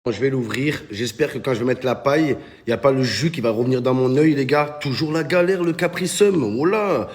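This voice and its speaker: A male comedian, telling comic stories to camera in animated slang and hailing the guys. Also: medium pitch, brisk. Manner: animated slangy storytelling, addresses viewers as "les gars".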